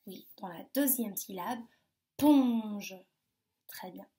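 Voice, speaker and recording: In a slightly high, somewhat mellow voice, a woman leads a phonics lesson for young children. She sounds out words slowly, over-articulating each emphatic syllable.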